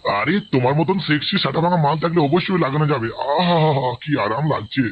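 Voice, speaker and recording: A man voicing a lusty sixty-year-old father-in-law in a cartoon, speaking in a deep, drawling voice. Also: lively intonation, fast, a crowd in the background, close to an everyday voice. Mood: amorous. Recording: dull lo-fi audio with faint hiss.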